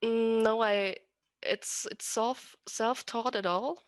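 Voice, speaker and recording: Appearing as a podcast guest, a rigger whose first language is German speaks casually with an Austrian accent, frequently restarting and correcting herself mid-explanation. Her fairly high voice is clear and resonant with fairly even intonation, taken slowly, and there's no echo.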